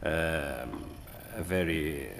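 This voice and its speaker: Speaking slowly and haltingly, with lots of fillers and restarts, this conference speaker gives a hesitant talk. His very low voice has a slightly bright edge. The sound echoes through a big hall, with faint room noise behind him.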